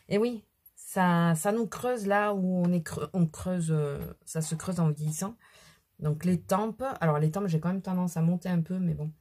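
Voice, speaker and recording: Woman, middle-aged, husky, mellow, low voice, rambling makeup vlog chat, has a cold. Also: moderate pace. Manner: chatty, rambling, self-deprecating asides. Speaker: beauty vlogger. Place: at home at her mirror.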